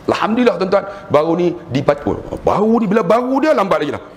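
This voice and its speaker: A middle-aged man with a Malaysian Malay accent preaches to a gathered congregation. He tells his stories with animated humor and slips into other people's voices as he goes. His voice rings through a roomy hall over a faint bed of ambience. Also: high-pitched, fast talker, a little hiss or hum. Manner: animated storytelling, acting out quoted voices with humor. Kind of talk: religious lecture to a congregation.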